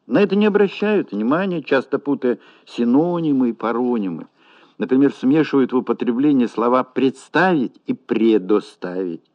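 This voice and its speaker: A man lecturing in a measured, deliberate way on correct language usage. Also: medium pitch. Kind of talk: academic lecture on Russian usage. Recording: dull lo-fi recording.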